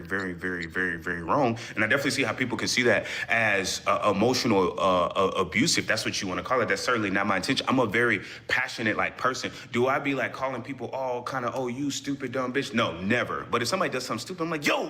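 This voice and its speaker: Young guy w a bright edgy voice, defensive, keeps repeating himself on a live stream. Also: fairly low pitch. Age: young adult. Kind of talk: heated live-stream debate.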